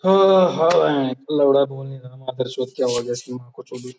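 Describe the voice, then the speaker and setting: A man's voice: medium pitch, steady tone, normal speed, darkish tone, slight background noise, low-quality recording. A man on a voice call, delivering a heated, aggressive rant full of taunts and insults. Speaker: caller in a group voice call. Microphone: phone on a voice call, screen-recorded.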